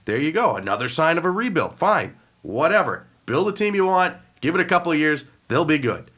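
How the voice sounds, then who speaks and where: Animated man ranting on a sports podcast. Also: fairly high pitch, a little fast. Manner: emphatic, exasperated ranting. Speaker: podcast co-host. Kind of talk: casual sports podcast chat.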